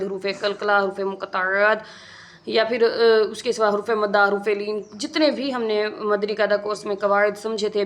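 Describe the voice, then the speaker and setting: A woman gives a methodical recitation lesson, going through each rule in turn. Her pitch sits in the middle and barely moves. She is patient and repetitive, as a teacher guiding students. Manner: patient, methodical, repeats rules slowly. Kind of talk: step-by-step tajweed lesson.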